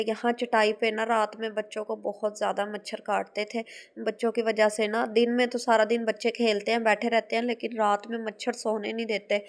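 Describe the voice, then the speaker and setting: A woman in her thirties with a Pakistani Urdu accent, chatting through a casual vlog voice-over about her day, homely and rambling. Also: on the high side. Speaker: vlogger, housewife.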